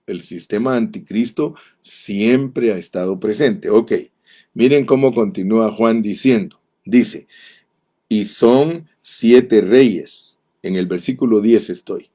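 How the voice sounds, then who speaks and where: Male pastor, Bible teaching, unhurried delivery, low mellow voice. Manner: slow, deliberate, reads verses aloud emphatically; addresses listeners directly.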